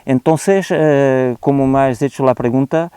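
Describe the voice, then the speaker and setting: Hesitant Portuguese man, warm smooth voice. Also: mid-range voice, fairly even intonation, unhurried, no room sound. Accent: European Portuguese. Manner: hesitant, frequent "eh" fillers and restarts, mixes in Spanish words. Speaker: guest expert on oak disease. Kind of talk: unscripted explanatory talk. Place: on a country estate, outdoors.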